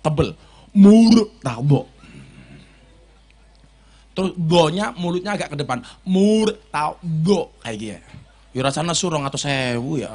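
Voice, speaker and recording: A man with a Javanese accent preaching at a village gathering, joking and teasing the crowd. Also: mid-range voice. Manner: jokey, teasing the crowd, switching between Javanese and Indonesian. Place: outdoor village religious gathering.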